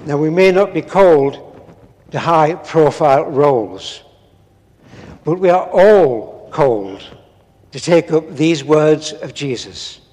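An older man, a priest preaching a measured, earnest sermon read from notes in a large stone church. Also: a little high, expressive, a little mellow. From England. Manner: measured, earnest, with solemn pauses. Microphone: far camera, no visible mic. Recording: long church reverb.

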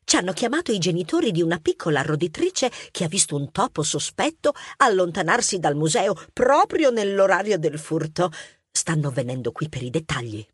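A woman's voice: lowish voice, very animated, moderate pace, husky, dry recording, clean studio sound. A woman playing a friendly, witty police inspector mouse, businesslike and teasing. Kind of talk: audiobook character acting.

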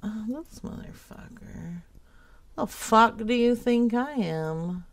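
A woman's voice: on the high side, animated, slow pace. A young woman hosting a live prank call show, talking casually and bluntly with giggles. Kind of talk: live-streamed prank calls.

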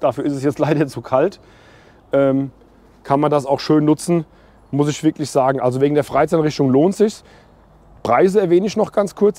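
This German-speaking camping vlogger has a mellow, fairly high-pitched voice and chats away as he records outdoors on a campground. He gives a casual walk-and-talk review, opinionated and addressed directly to viewers. A small mic is clipped to his hoodie, and the camera is held at arm's length.

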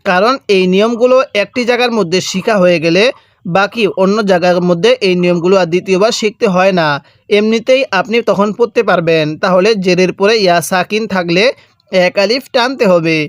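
Man, Bangladeshi Bengali accent, high smooth voice, slow drawn-out recitation lesson. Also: no room sound, studio quality. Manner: drawn-out syllable-by-syllable recitation between explanations. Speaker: Quran reading teacher.

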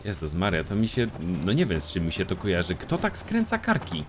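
A man's voice: low-pitched, huge pitch swings, brisk, noisy background. A young man giving casual let's-play commentary, talking to enemies, joking and swearing a lot. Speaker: gameplay streamer.

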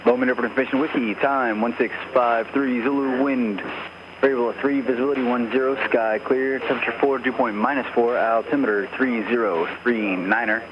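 A man's voice on a looping recorded airport weather broadcast, heard over aircraft radio and reading weather figures in a steady, clipped way. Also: mid-range voice, fairly quick. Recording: muffled, noisy aircraft radio.

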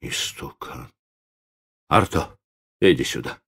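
A man voicing a poor, dignified old organ-grinder, speaking quietly and respectfully. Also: extremely low pitch, expressive, slow, gravelly, slightly rough, full character voice. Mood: dignified weary.

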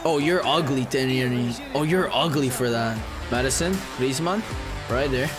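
A young man doing casual live game commentary as a streamer, excitable and sweary, with brash frat-bro slang, close on a desk mic. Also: mid-range voice, moderate pace. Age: young adult. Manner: excitable, often shouting. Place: small bedroom streaming setup indoors. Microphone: close desk microphone. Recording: music behind the voice.

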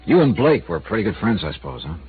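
Talking fast with big pitch swings in a fairly low voice, a man plays the wry middle-aged insurance investigator who narrates this 1950s radio drama. His questions are dry, skeptical, and probing, and the lo-fi broadcast sound is tinny with hiss.

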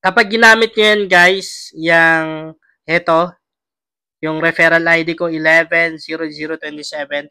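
A man's voice: fairly high pitch, fairly even intonation, measured pace, long pauses, sharp tone, smooth, no room sound. A young Filipino man hosting a casual gaming vlog, his voice strained by a cough. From Philippines. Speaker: vlogger and host.

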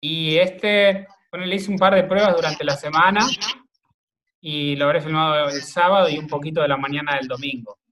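Rambling Argentine man, a bit high. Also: fairly even intonation, normal speed, noisy background. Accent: Argentine Spanish. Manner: rambling, thinks aloud with many fillers. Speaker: video maker and editor, interview guest. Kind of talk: casual remote interview conversation.

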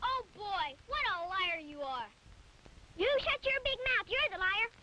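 A woman's voice: expressive, measured pace, pushed and bright, a little hiss or hum, full character voice. An actress voicing a stubborn little girl in a 1950s dubbed film. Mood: insistent. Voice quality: shrill, insistent.

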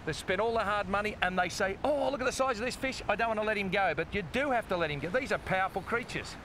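Wind and surf can be heard as an older Australian fishing-show host talks excitedly to viewers from a sandy seaside beach. His folksy, exclamatory commentary comes in a high-pitched, fast, fairly bright voice.

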